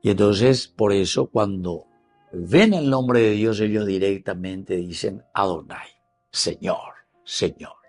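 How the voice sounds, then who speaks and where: Man, paraguayan accent, slow-paced, gravelly, low voice, patient bible teaching, faint music behind. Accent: Paraguayan Spanish, mixing in Guarani. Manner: explanatory, repeats words, addresses "queridos amigos".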